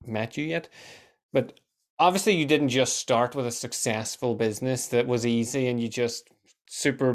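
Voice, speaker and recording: A man hosting a casual interview, talking chattily and acting out imagined bits of dialogue as he goes. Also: mid-range voice. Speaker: podcast host, hypnotherapist.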